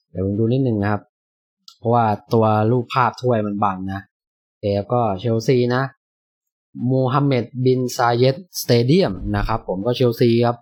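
A man's voice: lowish voice, no echo. Chatty man hosting a post-match talk. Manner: polite, chatty, padding sentences with soft filler particles; thinks aloud with hesitations. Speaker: football fan channel host. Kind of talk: casual post-match chat.

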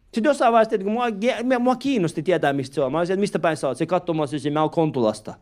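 A man with a high voice performs a stand-up set on a club stage. He tells his story in a lively way, slips into other people's voices, and peppers his talk with swearing and filler words. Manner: animated storytelling, acts out taxi drivers. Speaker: stand-up comedian. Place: live comedy club stage. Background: audience laughter.

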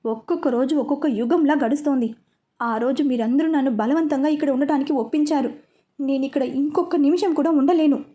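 Storybook young woman, weak yet defiant, high mellow voice, read by a woman. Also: a little fast, close to an everyday voice. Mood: angry. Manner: weak but steady, resentful.

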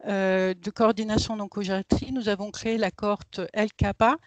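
A woman's voice: medium pitch, fairly even intonation, normal speed, no echo. A woman professor giving a hesitant conference talk over a video call through a headset mic, her voice cut up by a choppy connection. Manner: hesitant, many filler sounds. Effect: choppy online connection. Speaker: professor presenting a research cohort.

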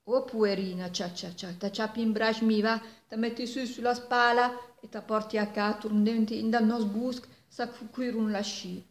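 A woman's voice: a little high, steady tone, normal speed, few pauses, lightly acted. A big, kindly, gullible wolf played by an older woman speaks simply and plaintively in a Milanese accent. It is a folk tale told aloud in an echoey room. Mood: pitying. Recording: echoey room, distant microphone.

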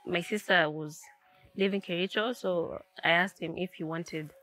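Kenyan woman telling a personal story, lowish voice. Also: moderate pace, fairly bright tone. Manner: reflective, mixes in Swahili phrases, frequent restarts. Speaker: guest. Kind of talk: personal storytelling in casual chat.

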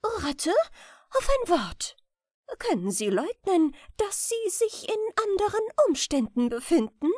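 A woman voicing an imperious, indignant queen in a fairy tale audiobook, scolding in shrill outbursts. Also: big pitch swings, measured pace, darkish tone, no echo, studio quality, exaggerated voice. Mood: reproachful.

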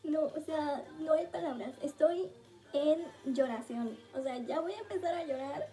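A young woman gushes excitedly as she reacts to a music video, sometimes speaking in a hush. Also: sits high, a little slow. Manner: gushing, exclamatory, hushed at times.

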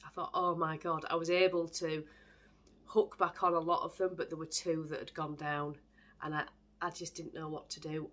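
A woman's voice: low-pitched, slight background noise. Chatty woman telling a story. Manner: chatty, self-deprecating storytelling. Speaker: podcast host. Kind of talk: casual chat.

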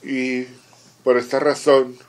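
Speaking at medium pitch with a level tone, this man works as a conference interpreter. His formal simultaneous rendering comes in brief, measured phrases with hesitant pauses.

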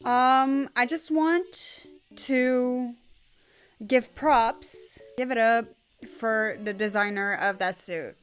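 A woman in her twenties from Quebec, with a French Canadian accent, commenting loudly and profanely on a film. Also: on the high side, fairly even intonation, extremely slow. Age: 20s. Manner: loud, profane, laughing. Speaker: movie reaction host. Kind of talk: casual movie reaction commentary.

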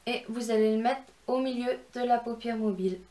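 A woman's voice: fairly high pitch, normal speed, mellow. Chatty young woman giving a makeup tutorial. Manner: chatty, instructive, self-deprecating asides. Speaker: beauty vlogger.

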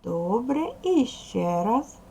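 A woman's voice: fairly high pitch, very animated, darkish tone, husky. A woman teaching a recorded reading lesson to young schoolchildren, patient and encouraging. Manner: patient, encouraging, speaks slowly to children. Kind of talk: recorded video lesson for second graders.

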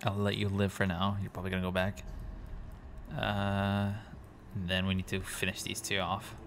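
A man's voice: low voice, completely flat delivery, normal speed, background noise. A man giving rambling gameplay commentary, thinking aloud and correcting himself as he goes. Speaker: gaming commentator.

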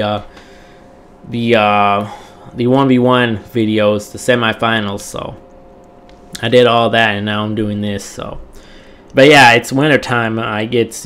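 A man's voice: medium pitch, a bit bright, smooth. A tired young man hosting a gaming channel, chatting casually to viewers in a rambling, repetitive way, his throat still recovering from strain. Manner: rambling, repetitive, with many fillers.

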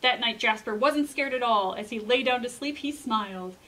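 Here a young woman who works as a children's librarian performs a storybook with flair and chats with the kids, speaking theatrically and with emphasis in the library's children's room. Her pitch runs on the high side, her tone fairly bright, her pace moderate, and the recording is rough.

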